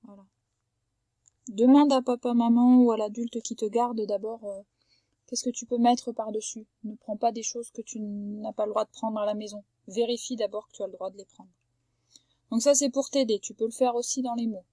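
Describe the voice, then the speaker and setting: A woman teaching a young child to read, patient and clear, slowly drawing out words so each sound can be heard. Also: a little high, steady tone, mellow, no room sound. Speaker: primary school teacher. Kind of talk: remote reading lesson for a young child. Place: at home.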